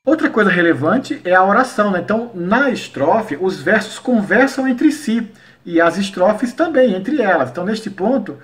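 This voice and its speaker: A man from Paraíba, teaching educators about cordel poetry and reciting his verses slowly and rhythmically. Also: high-pitched, animated, a bit bright. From Paraíba, Brazil. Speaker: cordel poet and workshop teacher. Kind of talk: online lesson for educators.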